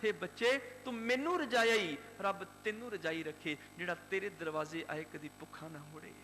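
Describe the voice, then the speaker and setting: A man's voice: high-pitched, normal speed, pushed and bright. A male preacher voicing an elderly wandering fakir who speaks kindly and gives blessings. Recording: hall reverb, faint hum.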